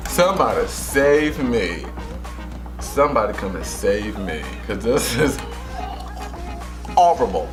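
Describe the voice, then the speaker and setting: A man's voice: fairly low pitch, very animated, slow pace, long pauses. A giggly, drunk-sounding man vlogging in casual, playful chat, rambling and repeating himself. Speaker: vlogger doing a drunk makeup challenge. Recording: music playing behind the voice.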